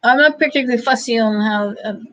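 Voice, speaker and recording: A woman hosting a casual livestream, answering chat questions in a halting, thinking-aloud way with frequent chuckles. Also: a little high, a bit bright, rough recording.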